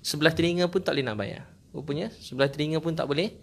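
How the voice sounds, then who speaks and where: A man's voice: fairly high pitch, fast talker, creaky. Malaysian man preaching with jokes. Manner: storytelling with jokes and acted quotes. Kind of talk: religious talk to a gathering.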